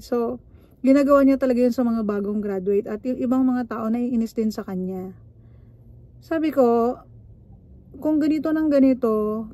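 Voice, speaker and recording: A middle-aged woman from the Philippines speaks as a nurse sharing hard-won advice, frank and assertive. Her voice sits a little high but sounds mellow and warm. The recording is dry and close, with no room sound. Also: no room sound. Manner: frank and assertive, mixes English into Filipino. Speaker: nurse vlogger. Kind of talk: casual advice monologue.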